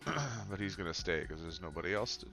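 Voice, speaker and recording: A Canadian man with a stuffy, cold-clogged voice comments casually while playing a football management game, musing until sudden excited outbursts. His voice is low and gravelly, his pace quick, with soft music in the background.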